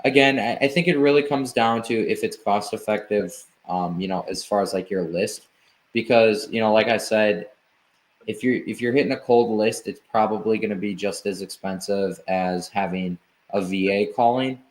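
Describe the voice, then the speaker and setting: Agency founder guy on a podcast, lowish voice, chill, lots of um's and you knows. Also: normal speed. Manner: relaxed explaining with many fillers and restarts. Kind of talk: casual interview chat.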